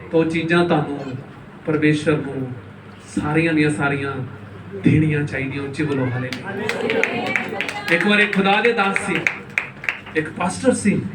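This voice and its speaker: A male pastor preaching a sermon, calling out for the congregation to answer with hallelujah and firing questions at them. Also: sits high. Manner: call-and-response, keeps urging the congregation to say hallelujah louder; preaches with questions to the crowd and acted-out examples. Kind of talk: Pentecostal sermon. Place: large church hall. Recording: echoey church hall, mic at a distance.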